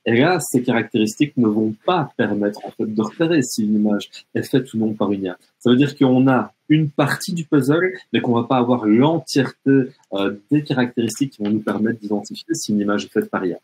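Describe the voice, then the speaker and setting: Husky man. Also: mid-range voice, brisk, hardly any pauses, darkish tone, poor audio. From French-speaking Canada. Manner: hesitant, many fillers and restarts. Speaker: education webinar presenter. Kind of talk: explaining on a live webinar.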